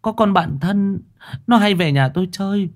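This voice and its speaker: A woman's voice: mid-range voice, normal speed, natural voice. A woman voicing a grieving middle-aged mother who speaks in a pleading, tearful lament. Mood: anxious.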